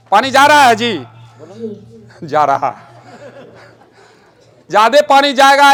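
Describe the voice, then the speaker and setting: A man's voice: very high-pitched, pushed and bright. A man performing a live magic show, joking and giving orders to a boy and the audience. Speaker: stage magician and rationalist speaker. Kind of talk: live magic demonstration with explanatory talk.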